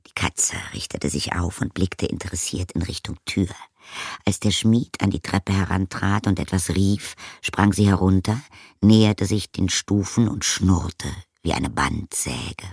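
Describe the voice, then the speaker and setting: Brief: male audiobook narrator, low and gravelly, unhurried, dry close recording. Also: darkish tone, dry recording. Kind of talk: scripted narration.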